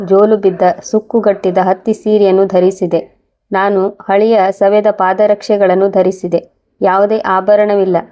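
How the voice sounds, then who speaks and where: A woman telling a moral story as scripted first-person narration, calm and measured. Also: mid-range voice, dull audio.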